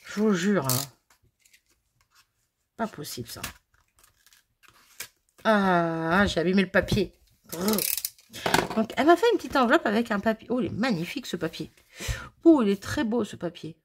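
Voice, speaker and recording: A woman's voice: medium pitch, animated, normal speed, long pauses, noisy background. A woman chatting to viewers as she unboxes craft mail, bubbly and self-mocking, gushing over each item. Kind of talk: casual chat to viewers. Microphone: phone.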